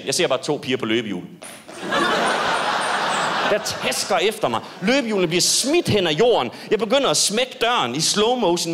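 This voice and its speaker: A young man doing a stand-up comedy set on stage, telling a story with animated delivery and sudden high yelps. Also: slight background noise.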